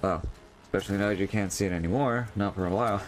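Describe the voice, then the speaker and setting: A man's voice: on the low side, racing, faint music behind. A young man vlogging in a casual, rambling way, full of fillers and restarts, with a voice he says feels strained. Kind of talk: casual monologue over gameplay.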